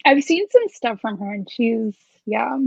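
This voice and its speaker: A woman's voice: on the high side, sing-song, a little slow, vocal fry, a little mellow, breathy edge, no room sound. A woman chatting casually with friends in a wry, candid, hesitant way on slightly muffled audio. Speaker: guest on a book chat livestream. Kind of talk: casual group chat.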